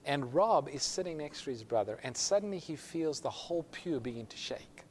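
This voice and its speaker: A man's voice: a little high, lively intonation, moderate pace, a little hiss or hum. A male pastor telling a story in a sermon, acting out the voices of the people in it. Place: church sanctuary. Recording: long hall reverb.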